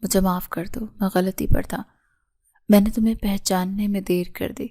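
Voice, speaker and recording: A woman's voice: medium pitch, level tone, warm tone, lightly acted. A woman reading the lines of a proud young male doctor who pleads with his wife for forgiveness. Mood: pleading.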